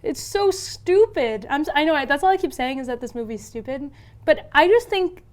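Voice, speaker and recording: A young woman co-hosting a casual film podcast, critiquing the movie in an animated, exasperated way. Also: high voice, brisk. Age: young adult. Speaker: podcast co-host. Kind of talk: casual chat.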